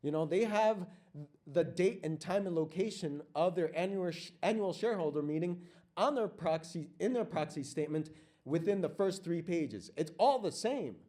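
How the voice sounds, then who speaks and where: A man's voice: fairly high pitch, expressive, moderate pace, dark tone. A man giving a passionate workshop presentation to a live audience in a meeting room. He speaks with fire and asks question after question, repeating lines for emphasis.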